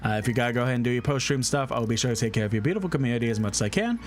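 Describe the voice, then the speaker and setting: A man's voice: mid-range voice, lively intonation, rapid-fire, a little hiss or hum. A man chatting casually as a VTuber game streamer, rambling along and greeting viewers in a friendly way. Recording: loud background music. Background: music.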